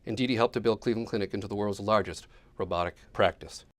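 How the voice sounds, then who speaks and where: A man, the director of a lecture series, reading a formal, measured introduction of a guest to an audience. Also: on the low side. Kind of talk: scripted introduction. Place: lecture hall before a live audience.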